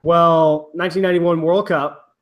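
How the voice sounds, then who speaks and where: A man's voice: fairly high pitch, flat delivery, normal speed, lo-fi sound. A man hosting a casual chat, rambling with restarts and the odd swear. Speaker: rugby podcast host.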